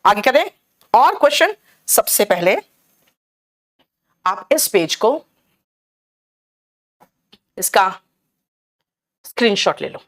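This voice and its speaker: A woman's voice: mid-range voice, big pitch swings, takes it slowly, long pauses. A middle-aged woman teaching an exam-prep English lesson with an Indian English accent, calling her students "beta" and checking often whether they have understood. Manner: addresses students as "beta", keeps asking "clear?" and "theek hai?".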